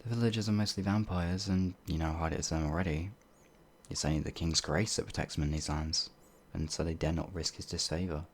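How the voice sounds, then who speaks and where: In an ASMR audio roleplay monologue, a man with a low voice plays a timid, apologetic werewolf farmhand. He talks fast with fairly even intonation, hesitant and rambling, stammering as he goes, and sounds meek and fearful.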